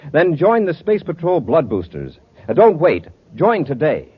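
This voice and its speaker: A man's voice: a little high, huge pitch swings, a little slow, slightly rough, exaggerated voice. A man playing a brave, authoritative space patrol commander in a 1950s radio adventure serial. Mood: earnest. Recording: muffled, lightly noisy old radio recording.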